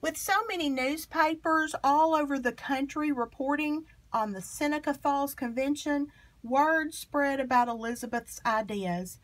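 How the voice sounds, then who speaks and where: This storybook reader has a fairly high voice and shapes her lines with expressive emphasis for small children. She takes her time, and the recording is rough.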